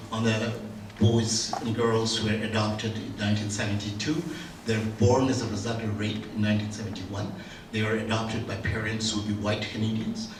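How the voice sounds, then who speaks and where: Older male conference speaker, anecdotal and halting, in an echoey room with faint background hum. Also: fairly low pitch, fairly bright tone. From Bangladesh. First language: Bengali. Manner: conversational, anecdotal, with many restarts. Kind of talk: academic conference talk. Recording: roomy room, distant mic, faint ambience.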